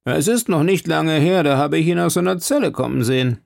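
A man doing a brisk prison guard. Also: fairly high pitch, animated, gravelly, no room sound, studio quality, voice pushed up. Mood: helpful. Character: helpful male prison guard.

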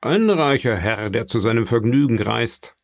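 A man's voice: medium pitch, expressive, moderate pace, no echo, studio quality, natural voice. A man voicing a grown sailor who answers respectfully and evasively. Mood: guarded. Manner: respectful, addresses his listener formally. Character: adult male sailor, guarded and evasive.

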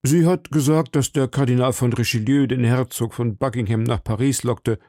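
A man voicing a timid, frightened shopkeeper who pleads anxiously in a raised, higher voice. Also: fairly even intonation, normal speed, warm tone, no room sound, studio quality, lightly acted.

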